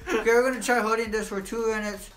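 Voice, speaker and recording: A man's voice: high voice, little pitch movement, fast talker, a bit bright, low-quality recording. A young man with clothespins pinching his nose and lips, chatting and groaning in pain for a casual challenge vlog. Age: teenager or young adult. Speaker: host of a challenge video. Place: small room indoors. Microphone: camera a few feet away.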